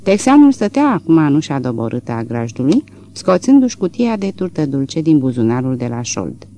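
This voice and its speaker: A man narrating a novel as an audiobook, expressive and rising and falling with the action, on a close studio mic. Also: a little high. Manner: expressive, rises and falls with the action. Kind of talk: scripted literary narration.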